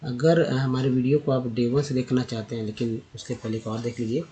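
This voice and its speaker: A man whose first language is Hindi, teaching English pronunciation slowly word by word, repeating each word and spelling out its sounds. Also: medium pitch, flat delivery, mellow, poor audio. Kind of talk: slow word-by-word pronunciation lesson.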